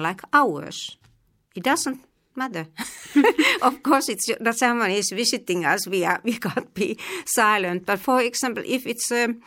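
In a mid-range, slightly bright voice, a middle-aged Finnish-accented woman from eastern Finland, who teaches languages, works through interview questions with care. She pauses a lot and often restarts.

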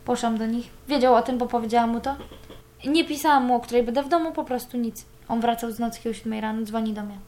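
A woman's voice: fairly high pitch, quick pace, a little mellow. A young woman giving a candid personal account, cursing freely as she talks. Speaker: interviewee.

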